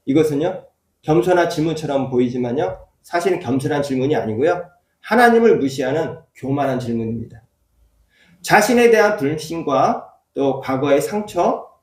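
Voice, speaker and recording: Higher-voiced Korean pastor preaching in echoey hall. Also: male voice, darkish tone. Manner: storytelling, rising to emphatic preaching. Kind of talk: sermon with personal story. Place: church sanctuary. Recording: echoey church hall, voice from far off.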